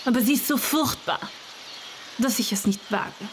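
A woman voicing a sad, frost-bitten red rose bush that speaks slowly and solemnly. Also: on the high side, a little hiss or hum, close to an everyday voice. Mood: sorrowful. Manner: subdued, slow, solemn.

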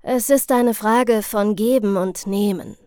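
A woman's voice: mid-range voice, takes it slowly, darkish tone, no echo, studio quality, natural voice. A woman voicing a stern, dryly sarcastic male chemistry teacher with a firm, lightly mocking manner.

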